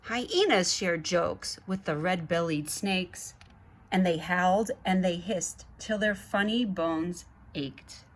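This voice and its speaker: A guest storybook reader, a woman with a lowish voice, reads a children's picture book aloud at a slow pace. She speaks directly to the young listeners, dropping in little asides along the way.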